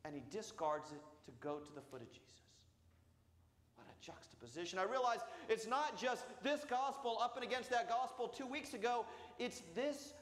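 A man, a priest, preaching a storytelling sermon in a booming voice. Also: animated, normal speed, a bit bright. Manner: acts out voices in quoted dialogue. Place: church sanctuary. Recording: roomy church reverb.

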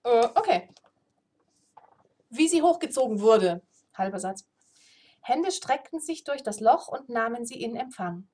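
A woman reading aloud from her own book in a chatty way, pausing to roll dice and chat. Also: a little high, animated, a little mellow. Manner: chatty, self-interrupting.

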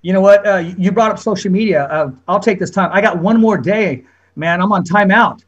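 A man's voice: high-pitched, a little fast, breathy edge, muffled recording. A man in his forties hosting a casual sports interview over a video call. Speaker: sports show host. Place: small room indoors with show banner.

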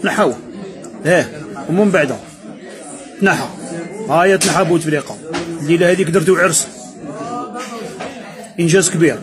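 A man's voice: on the high side, fairly quick, long pauses, music in the background. A man with an Algerian Arabic accent delivering a mocking, sarcastic political rant that speaks straight at his opponents. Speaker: political commentator.

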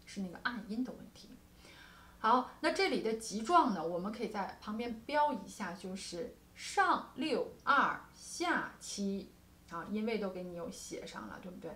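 A woman's voice: medium pitch, roomy sound. A woman teaching guqin technique in a patient explaining tone. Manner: patient explaining with frequent soft particles. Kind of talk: music lesson with demonstrations. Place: music studio.

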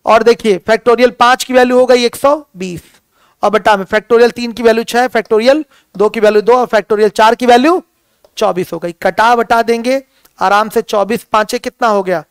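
A male math teacher with a very high, smooth and resonant voice. He keeps calling his students his children and poses questions that he answers right away. The sound is dry and close, with no room echo. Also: steady tone, brisk. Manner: calls students "my children", asks questions and answers them himself. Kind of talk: classroom lecture.

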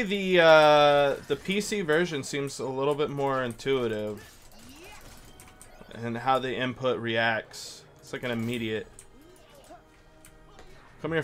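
Casual gameplay commentary comes from a man streaming at a desk in a small room, his medium-pitched voice a bit bright. He mutters slangy reactions as he plays. Game music plays behind him along with keyboard clicks and typing.

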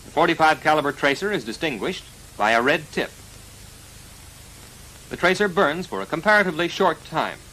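On a vintage film soundtrack, an American man gives measured, formal, precise narration for a 1940s military instructional film, recorded as voice-over. His pitch is on the high side and his delivery pushed and bright with lively intonation, while the poor audio shows slight hiss or hum.

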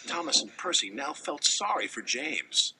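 A man's voice: normal speed, heavy background noise. A man narrating a children's train story, changing his voice for each character. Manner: lively, shifts pitch for each engine voice. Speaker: narrator voicing all characters.

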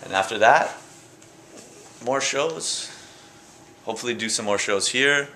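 A young man from Canada talking casually about his paintings at his gallery show, relaxed and rambling, with fillers and restarts. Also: mid-range voice, measured pace, a little hiss or hum. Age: young adult. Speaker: painter interviewed at his exhibit. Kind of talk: casual interview answers. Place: art gallery indoors. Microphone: handheld camera close by. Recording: echoey gallery room.

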